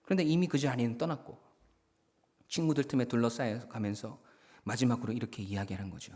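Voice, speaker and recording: A man's voice: medium pitch, a little fast, darkish tone. A male senior pastor preaching a Sunday sermon in a church, telling stories and addressing the congregation directly. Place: church sanctuary.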